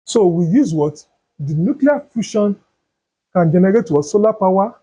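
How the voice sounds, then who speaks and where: A male teacher giving a chemistry lesson, asking questions and answering them himself, repeating terms slowly. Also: high-pitched, expressive, warm tone, slightly rough. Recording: dull lo-fi sound.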